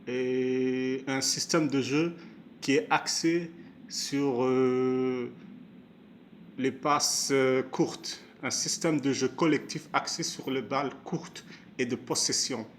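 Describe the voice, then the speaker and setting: Slow, hesitant man. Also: mid-range voice, fairly even intonation, a little hiss or hum. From Canada, Montreal area. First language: Moroccan heritage; first language not stated. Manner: hesitant, many filler sounds and restarts. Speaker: amateur football commentator. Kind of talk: casual spoken match analysis.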